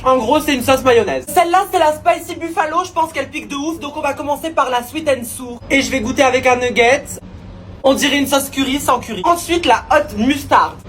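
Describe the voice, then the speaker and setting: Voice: high-pitched, a little fast, soft background music. A vlogger from France talking to camera in a casual, dramatic, chatty way. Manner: expressive, dramatic reactions, chatty. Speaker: social media creator. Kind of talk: casual vlog narration to camera.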